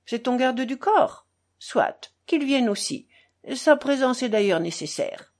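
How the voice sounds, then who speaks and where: A woman reading a novel aloud, voicing a reckless, hot-headed young man who speaks loud and raised. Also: high voice, animated, slow pace.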